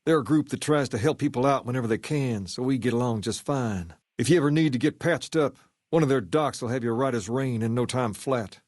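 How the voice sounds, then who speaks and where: In scripted game dialogue, a male actor voices an easygoing, self-assured gang leader styled as a rock-and-roll king. His middling, slightly mellow, natural-sounding voice is measured, folksy and colloquial, coming across relaxed and sure of himself in a dry, close recording.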